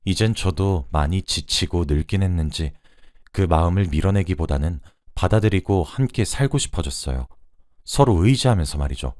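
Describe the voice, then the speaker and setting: A man narrating a first-person story as a radio drama in a steady, even storytelling manner. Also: low-pitched, dry recording, studio quality.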